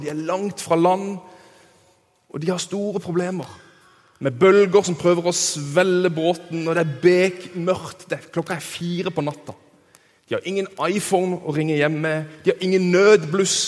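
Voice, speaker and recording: Lively preacher. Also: male voice, high-pitched. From Kristiansand, southern Norway. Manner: lively, engaging, asks the audience questions. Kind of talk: storytelling sermon. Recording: reverberant hall.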